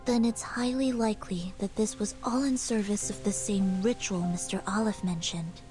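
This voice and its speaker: An actress voicing a calm, analytical young female companion in a game, speaking in a measured, logical way. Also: medium pitch, soft background music, natural voice. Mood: composed. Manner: measured, logical, matter-of-fact. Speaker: game character. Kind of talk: game voice acting.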